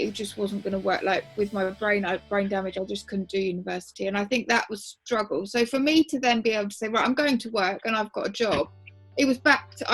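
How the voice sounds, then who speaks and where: A woman's voice: a little high, a bit bright, slightly rough, poor audio. A woman in her twenties telling her own story frankly as an interview guest, with many restarts. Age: 20s.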